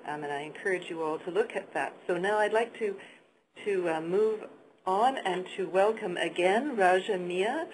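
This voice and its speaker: A woman's voice: mid-range voice, moderate pace. A woman hosting a webinar, introducing speakers in a hesitant way with many fillers. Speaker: webinar host. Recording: noisy webinar call audio.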